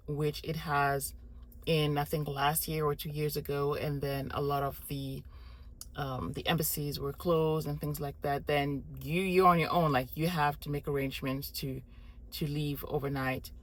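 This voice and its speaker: Speaking to camera in a low voice, a woman in her thirties explains her family's decisions in a thoughtful, methodical way, often restarting and listing points. She was born in Morocco, has Congolese heritage, and vlogs about her family's relocation in a casual, explanatory style.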